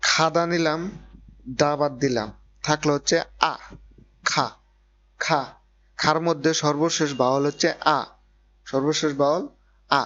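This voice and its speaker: A man's voice: a little high, fairly even intonation, unhurried, long pauses, fairly bright tone. A man teaching a grammar lesson who keeps repeating points and asking if students follow. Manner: repeats points and checks understanding. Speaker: Korean language teacher. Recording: dull lo-fi recording with faint noise and hum.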